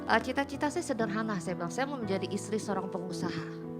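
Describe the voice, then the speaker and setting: A woman's voice: mid-range voice, animated, fast, music in the background. A middle-aged woman, a pastor's wife, chatting as a guest and telling her testimony with lots of quoted dialogue. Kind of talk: casual testimony chat.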